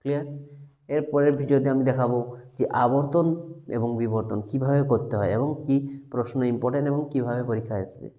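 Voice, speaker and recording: A male teacher giving a lecture, dictating slowly, repeating key points and often checking whether students have understood. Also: mid-range voice, fairly even intonation, mellow, lo-fi sound. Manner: repeats key points, keeps asking if it is clear; dictates slowly for note-taking. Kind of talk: classroom lecture on logic.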